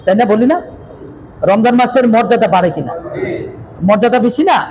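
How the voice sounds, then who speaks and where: High-voiced male teacher drilling a class. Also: brisk, a little mellow. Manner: repeats letters and asks the class to echo them. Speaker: Quran reading teacher. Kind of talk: classroom lesson with call-and-response drills. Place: classroom with students. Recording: noisy room with a crowd of learners.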